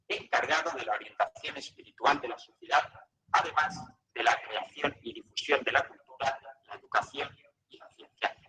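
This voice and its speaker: A man reads a formal documentary narration, heard from a video whose audio keeps stuttering and dropping out as it buffers. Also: distant mic. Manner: formal, measured reading with lively pitch. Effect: choppy audio that keeps cutting out, like a buffering video stream. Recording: echoey video played through a call, faint noise.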